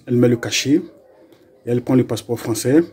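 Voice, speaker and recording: A man's voice: mid-range voice, level tone, fast, warm tone, breathy edge. A middle-aged man from Côte d'Ivoire, casually recounting a personal story and acting out the dialogue, with frequent hesitations. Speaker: vlogger telling a personal story. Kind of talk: casual spoken anecdote.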